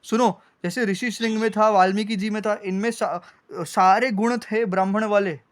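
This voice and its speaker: Male debate host, high voice, presses his point hard and cuts back in. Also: fairly even intonation, moderate pace. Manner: insistent, keeps demanding to be heard. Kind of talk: heated religious debate.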